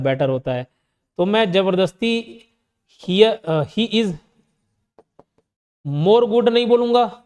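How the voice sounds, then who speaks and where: A man with an Indian accent teaching English grammar, asking his own questions and answering them, reading the example sentences out slowly. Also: high voice, darkish tone, long reverb tail. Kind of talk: online exam-prep lesson.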